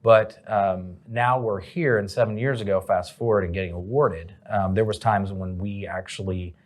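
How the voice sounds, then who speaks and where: A man's voice: fairly low pitch, fairly even intonation, moderate pace. A man, a company president, answering interview questions in a casual, rambling way with many fillers.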